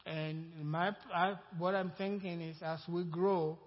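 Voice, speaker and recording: A Nigerian-accented man with a fairly high, fairly even voice makes an informal sermon announcement to his congregation at a measured pace, rambling conversationally like a pastor. He's in a church sanctuary, and the recording has the muffled sound of a church hall with long reverb.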